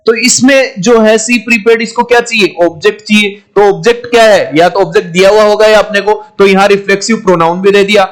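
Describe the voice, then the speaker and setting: A man teaching an English grammar class, asking questions and repeating the answers, calling his students "my children". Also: high-pitched. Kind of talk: classroom lecture.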